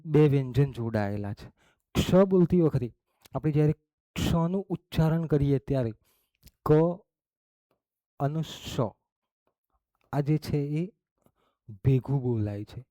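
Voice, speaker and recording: The voice is a man's, a little high, animated and warm, with no echo. He's teaching a class at a slow pace, breaking things down step by step and checking in with "okay?" and "barabar?" after each point.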